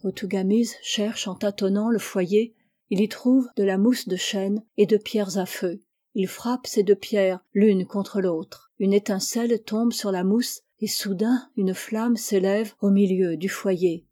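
A woman reading a novel aloud with measured, expressive narration. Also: medium pitch. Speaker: reader.

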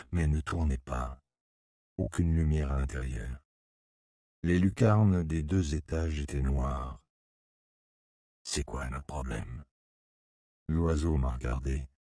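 A man with an extremely deep voice reads a first-person story aloud in a measured, somber way. The recording is dry and close, with no room sound. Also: dark tone, dry recording. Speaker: narrator. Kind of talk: first-person audiobook narration.

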